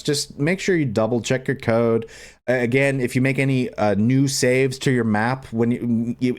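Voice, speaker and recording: Speaking at medium pitch with a slightly mellow tone, a man hosts an informal screen-recorded game modding tutorial. He rambles and says the same things more than once.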